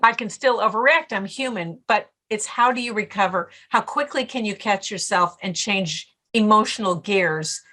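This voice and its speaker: Bright, animated woman telling stories. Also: medium pitch, normal speed, hardly any pauses. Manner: animated storyteller, acts out her own inner voice. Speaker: guest author and stress coach. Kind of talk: podcast interview.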